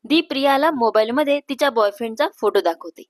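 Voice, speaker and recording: A woman's voice: fairly high pitch, fast talker, dry recording. Woman storyteller with a close, dry sound. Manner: calm, steady reading aloud. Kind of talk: scripted story narration.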